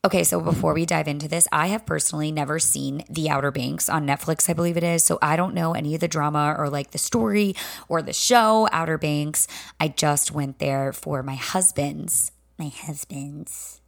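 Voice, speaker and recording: A woman's voice: deep voice, moderate pace, vocal fry. A woman in her thirties with a Southern American accent, hosting her podcast in a chatty, rambling way. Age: 30s. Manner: chatty, rambling, self-deprecating. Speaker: podcast host. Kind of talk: casual solo podcast chat.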